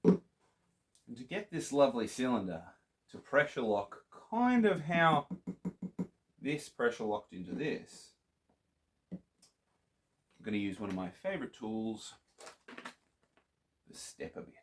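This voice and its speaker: A chatty Australian prop maker talks to viewers in a playful way as he works on a theatre prop for a casual workshop tutorial. His medium-pitched voice swings widely in pitch, moving slowly with frequent pauses.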